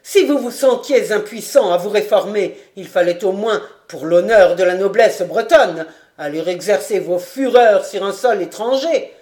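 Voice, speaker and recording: Woman doing a severe old marshal in an audiobook, lowish voice, loud and scornful, roomy echo. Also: moderate pace, hardly any pauses, lightly acted. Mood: stern scolding. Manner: severe, contemptuous scolding. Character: stern old male marshal, scornful, vehement.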